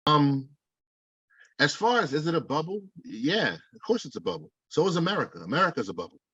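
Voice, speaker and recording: Man, casual interview, blunt, profane, animated, husky voice, dull lo-fi sound. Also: fairly high pitch, a little fast, no room sound. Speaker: digital artist interviewee.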